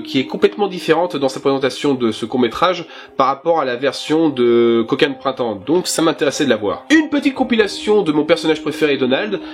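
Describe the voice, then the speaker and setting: Chatty man, slightly high voice. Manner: enthusiastic, chatty, with fillers; self-conscious about his English pronunciation. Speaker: collector presenting his DVD collection. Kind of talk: casual presentation.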